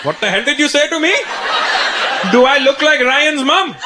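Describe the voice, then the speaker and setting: A stern, heavy-handed father issuing ominous, repeated threats, as a comic puts him on. The voice drops low and menacing, heard over loud crowd laughter in a noisy room. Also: expressive, normal speed. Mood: indignant.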